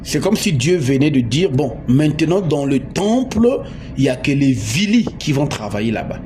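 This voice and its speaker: Congolese male preacher, emphatic and repetitive, slightly high voice, noisy recording. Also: sing-song, moderate pace. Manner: emphatic, repeats words, asks the audience. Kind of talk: sermon. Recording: noisy background.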